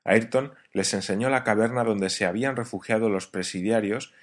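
A man narrating an audiobook in a steady, even reading. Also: lowish voice, normal speed.

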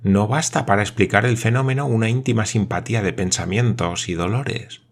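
A man's voice: fairly low pitch, a little fast. A man doing a puzzled, musing scholar. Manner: musing, murmured. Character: puzzled male scholar, skeptical.

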